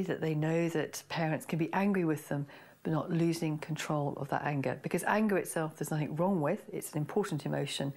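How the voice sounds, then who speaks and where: A woman's voice: sits low, a little mellow. A woman parenting expert giving earnest, unscripted interview remarks that ramble a little.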